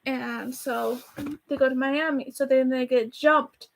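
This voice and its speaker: High-voiced chatty woman rambling fast. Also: fairly even intonation, vocal fry, slight background noise, poor audio. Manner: chatty, rushed, self-deprecating, rambling. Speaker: YouTuber reviewing a movie. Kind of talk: casual rambling review. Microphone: camera facing her.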